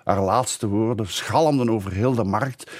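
An older man, a historian, telling a story animatedly in an interview, slowing down for emphasis. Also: lowish voice. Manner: animated storyteller, slows for emphasis, many fillers. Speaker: historian guest.

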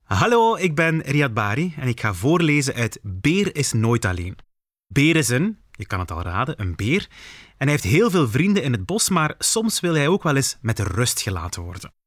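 A man reading a picture book aloud to children, expressive with playful asides. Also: mid-range voice, normal speed, no room sound, clean studio sound. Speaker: storyteller.

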